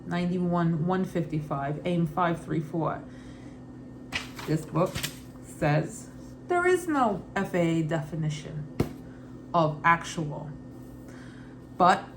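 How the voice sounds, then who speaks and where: A woman with a loose Brooklyn accent reads study questions and answers aloud informally, repeating and rephrasing as she thinks through them. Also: fairly low pitch. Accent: Brooklyn, put on loosely and unevenly. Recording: clearly noisy ambient background.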